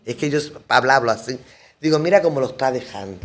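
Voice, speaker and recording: A woman's voice: very deep voice, quick pace. A middle-aged woman, a guest on a radio talk show, telling a story in conversation and acting out the lines of the people in it, with frequent restarts and emphatic repeats. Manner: lively storyteller who acts out quoted dialogue; rambling, with restarts and emphatic repetitions. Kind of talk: round-table conversation, anecdote telling.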